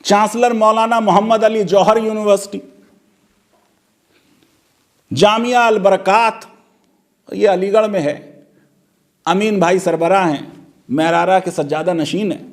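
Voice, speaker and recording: High-pitched man giving sarcastic legal commentary. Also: steady tone, moderate pace. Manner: sarcastic, rhetorical questions.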